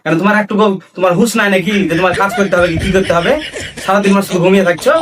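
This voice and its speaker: A man's voice: steady tone, a crowd in the background, natural voice. A man doing a nagging old mother-in-law. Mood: scolding. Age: older. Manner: whining, scolding, high-pitched and fast. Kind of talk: comedy skit acting. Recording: distant mic with loud background music.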